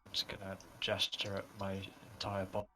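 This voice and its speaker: Deadpan low-voiced man. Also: brisk, slight background noise. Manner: calm, dry, deadpan. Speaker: player. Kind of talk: playing a tabletop game.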